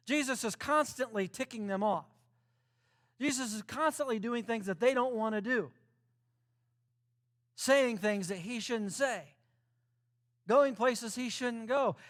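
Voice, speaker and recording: A man's voice: high voice, a bit bright. A man preaching a sermon as pastor, in a conversational style built on repeated rhetorical questions and lines.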